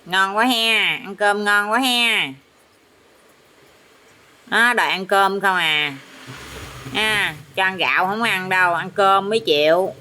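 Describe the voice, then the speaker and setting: A woman's voice: mid-range voice, slow, long pauses, bright, forceful tone. A woman with a Southern Vietnamese accent talking to her pet parrot, teasing it and asking it questions over and over. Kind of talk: casual talk to a pet.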